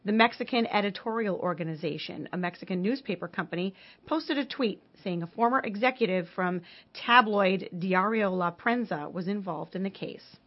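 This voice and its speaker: A woman giving news, traffic and weather in a brisk, scripted newsreader delivery, heard as a muffled AM radio broadcast. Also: medium pitch. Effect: muffled AM radio broadcast sound.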